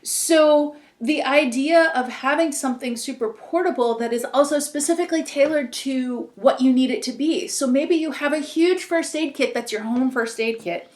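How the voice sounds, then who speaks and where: A woman's voice: high voice, normal speed, hardly any pauses, a little mellow, echoey room. A woman co-hosting a podcast, chatting casually and rambling with lots of filler words. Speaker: podcast co-host. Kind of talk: casual chat.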